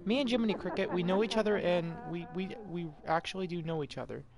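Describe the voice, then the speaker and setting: A game streamer talks fast and loosely while playing a horror game live, reacting and chatting with viewers and swearing often. The voice sits at an average pitch, with a crowd audible in the background.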